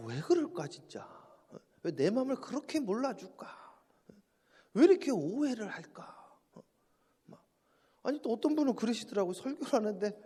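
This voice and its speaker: High, lively-voiced preaching pastor. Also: male voice, in a large hall. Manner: animated preaching with jokes and stories. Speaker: senior pastor. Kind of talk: early morning sermon. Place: church sanctuary.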